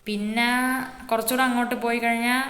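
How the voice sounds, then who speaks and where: A woman's voice: on the high side, flat delivery, brisk, a bit bright, lightly acted. A woman voicing an easygoing adult man, showing off his city in a game role-play with a boastful, teasing big-brother tone. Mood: casual. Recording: echoey roomy reverb.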